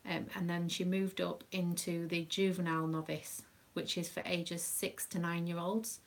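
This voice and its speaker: Her voice is fairly low and carries vocal fry as this British dance mum chats on her craft live stream. A proud mother, she talks casually and rambles, filling gaps with ums.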